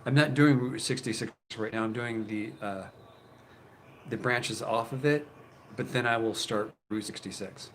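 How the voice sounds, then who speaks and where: Fifties male host, lowish voice, loose rambling chat with profanity, faint ambient hiss. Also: moderate pace, a bit bright. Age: 50s. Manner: rambling, profane, with frequent fillers and restarts. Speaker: channel host. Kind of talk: casual live chat with viewers.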